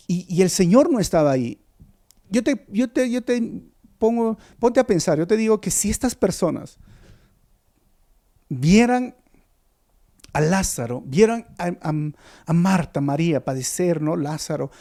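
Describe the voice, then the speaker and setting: A Peruvian-accented man delivers a devotional sermon in a mellow, warm-toned voice that sits fairly high for a man. He speaks straight to his listeners and repeats words for emphasis. His delivery rises to loud, emphatic peaks and falls back to soft, low endings. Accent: Peruvian Spanish. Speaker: pastor. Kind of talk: devotional Bible study sermon.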